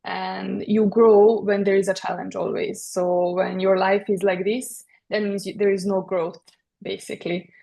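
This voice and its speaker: A woman's voice: mid-range voice, flat delivery, unhurried, creaky, mellow. A woman in her thirties from Serbia with a Serbian accent, talking as a podcast guest about her work, with many fillers and restarts. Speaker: guest, interior designer. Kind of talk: podcast interview.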